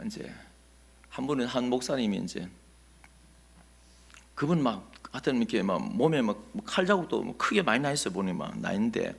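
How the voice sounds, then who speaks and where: A male pastor, preaching a Sunday sermon as an animated storyteller who asks the congregation questions. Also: medium pitch, creaky, husky.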